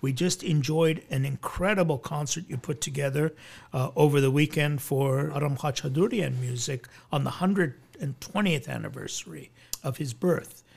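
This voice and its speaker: A man's voice: on the high side, normal speed, creaky. A man hosting an interview, asking courteous questions with some fillers and repeated words. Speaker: radio show host, interviewer.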